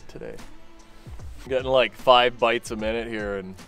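A man in his thirties giving casual fishing commentary from a small boat on a lake, relaxed and chatty with plenty of fillers and restarts. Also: mid-range voice, moderate pace, soft background music. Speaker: fishing guide and angler.

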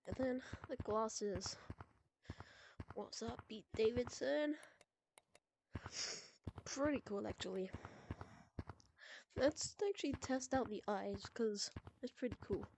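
A woman giving chatty, excitable commentary while playing a VR game, reacting to each new item and humming to herself. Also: medium pitch. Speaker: gameplay video creator. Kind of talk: casual gameplay commentary. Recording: constant clear background noise.

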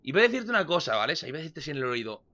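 Young man, let's-play commentator, bright and forceful, lo-fi home mic, jumps from shouts to mumbles. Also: a little high, racing. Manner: excitable, swings from loud shouts to muttering. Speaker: gameplay commentator.

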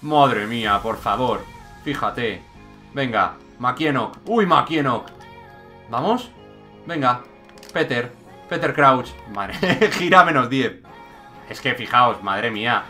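Excitable young gaming commentator. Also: male voice, medium pitch, soft background music. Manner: excitable, jokey, rapid shifts between shouts and mutters. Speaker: gaming YouTuber. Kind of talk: energetic gameplay commentary.

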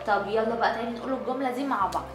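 A woman's voice: on the high side, very fast, soft background music, lightly acted. A woman with an Egyptian accent playing an affectionate mother in a family skit, coaxing and tender with a little girl. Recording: echoey room.

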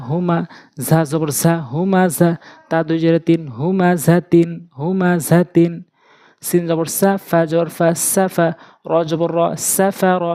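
A Quran reading teacher from Bangladesh with a Bangladeshi Bengali accent, giving a lesson as a steady, repetitive sing-song spelling drill. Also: mid-range voice, smooth.

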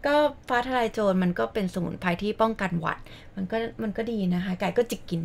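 Fast-talking woman guest on radio. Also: medium pitch, creaky. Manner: chatty and explanatory, acts out sounds. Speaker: guest, business executive. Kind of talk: casual radio interview. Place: radio studio.

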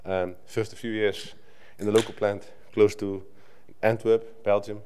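Middle-aged Dutch man, slightly low voice, chatty conference talk at a lectern mic, restarts a lot. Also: flat delivery, measured pace, mellow, slight background noise. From Netherlands. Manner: conversational, with frequent restarts and filler "right?". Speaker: conference speaker. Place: conference hall stage at a lectern. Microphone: lectern microphone.

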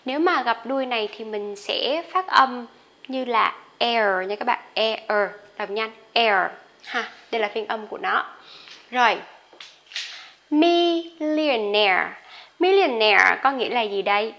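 Female teacher, higher voice, drills words slowly, chatty in between. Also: bright, forceful tone, highs cut off. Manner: drawn-out slow modeling of each word, quick chatty asides. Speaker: English pronunciation teacher. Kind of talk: pronunciation lesson.

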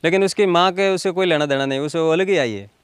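A man's voice: on the high side, clear, resonant tone, no echo. A man from Rajasthan, an eager horse owner answering interview questions. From Rajasthan, India. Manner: eager, affirming, quick to reply "haan ji".

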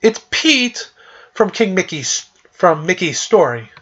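A man's voice: high voice, big pitch swings, slow, fairly bright tone, breathy edge, highs cut off. A man hosting a podcast, casually recapping a video game plot in a rambling, filler-heavy way.

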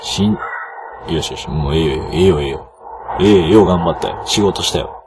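A man with a Kansai accent giving casual let's-play commentary, excitable and bursting into loud yelps and cries, on a noisy old home recording. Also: low-pitched, normal speed. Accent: Kansai Japanese. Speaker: game commentator.

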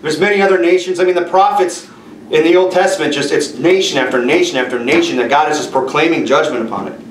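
A middle-aged man preaches in a small church room, dwelling slowly on each line of scripture. His voice sits a little high. It comes from a distance, with a roomy echo and faint background noise. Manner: forceful preaching with slow emphatic scripture reading. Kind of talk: sermon. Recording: echoey room from far off.

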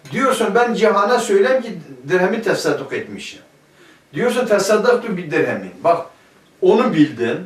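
Guy teaching a class, keeps asking questions and answering himself, roomy echo. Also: sits high. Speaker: teacher of Arabic grammar. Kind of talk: classroom lecture. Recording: echoey room, mic at a distance.

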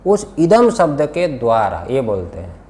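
A man's voice: medium pitch, huge pitch swings, a little slow, darkish tone. A man teaching a scripture class in an Indian accent, questioning his students and repeating key words. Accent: Hindi-speaking Indian. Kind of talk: classroom lesson, explaining a text.

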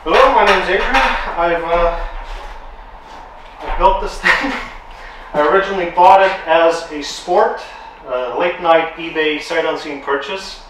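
A man's voice: on the high side, a little slow, far from the mic, background noise. Romanian man in an echoey workshop. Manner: relaxed, hesitant with fillers. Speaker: car owner, guest. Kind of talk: casual chat. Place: tuning workshop, indoors. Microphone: far camera.

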